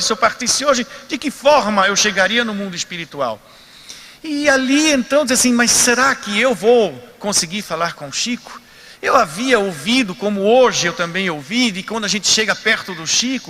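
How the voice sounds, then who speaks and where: A man from Recife, giving a spiritist talk as a vivid, theatrical storyteller who moves between hushed and loud delivery. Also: sits high, in a large hall. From Recife, Brazil. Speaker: spiritist speaker. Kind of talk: dramatic storytelling lecture.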